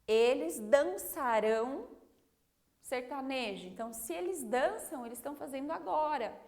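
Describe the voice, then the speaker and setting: A woman's voice: high voice, expressive, a little mellow. A Brazilian woman teaching a primary school class, explaining patiently and checking in with the children often. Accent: Brazilian Portuguese. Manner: slow, patient, clear word-by-word explanation; checks understanding with frequent "ok?".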